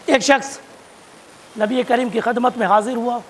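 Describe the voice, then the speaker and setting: A man preaching a sermon, repeating phrases for emphasis and rising to shouts at key points. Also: very high-pitched, steady tone, a little hiss or hum. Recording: long hall reverb.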